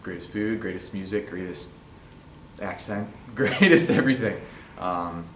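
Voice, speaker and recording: A man from Maryland speaking enthusiastically in a documentary interview, with halting restarts. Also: sits low, a crowd in the background. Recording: echoey room, distant mic, background noise.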